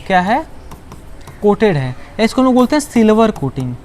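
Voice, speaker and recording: A man's voice: high-pitched, very animated, moderate pace, a little mellow, slight background noise. Man teaching in a repetitive question-answer style. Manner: asks students questions and answers them himself; repeats key words for emphasis. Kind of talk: online class lecture.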